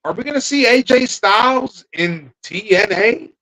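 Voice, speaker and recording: A man's voice: high-pitched, lively intonation, a little slow, pushed and bright, low-quality recording. A man co-hosting a casual podcast, thinking aloud, trailing off and restarting his sentences. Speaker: podcast co-host. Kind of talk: casual wrestling chat.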